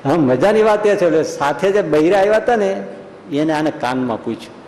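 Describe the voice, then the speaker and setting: A man's voice: fairly high pitch, expressive, fairly quick, darkish tone, slight background noise. Man preaching a folksy sermon. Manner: folksy, acts out voices in the story. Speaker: swami. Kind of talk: storytelling sermon. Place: temple school hall. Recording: echoey hall with long reverb.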